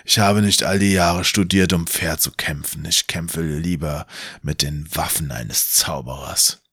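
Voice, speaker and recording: A man voicing a cruel, mocking male wizard villain, speaking slowly and drawing out his taunts. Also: a bass voice, a bit bright, breathy edge, dry recording, studio quality, voice pushed down, full character voice. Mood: taunting. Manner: slow, drawn-out taunting.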